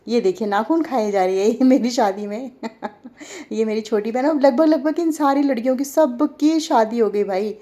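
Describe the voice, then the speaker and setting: Chatting over old home videos, this Delhi vlogger in her forties addresses viewers directly and asks them questions. She speaks at a moderate pace in a fairly high, warm voice.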